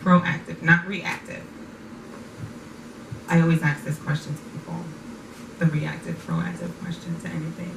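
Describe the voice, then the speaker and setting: A woman with a lowish, gravelly voice and little pitch movement hosts a casual podcast conversation at a moderate pace, pausing often and frequently affirming and echoing her guest's words. The room is echoey, the mic is distant, and the recording is noisy.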